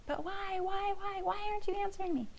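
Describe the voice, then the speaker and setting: A woman's voice: steady tone, brisk, a little hiss or hum. Woman putting on a whiny little boy. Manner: repeats why, high and insistent. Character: whiny pleading young boy.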